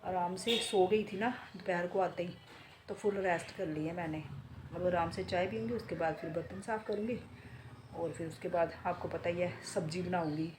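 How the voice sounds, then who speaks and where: A woman in her forties vlogging casually from home in a chatty, relaxed way, talking straight to viewers, her throat a bit sore from a cold. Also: fairly low pitch, moderate pace, background noise. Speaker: beauty salon owner and vlogger. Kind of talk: casual home vlog chat. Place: home, indoors.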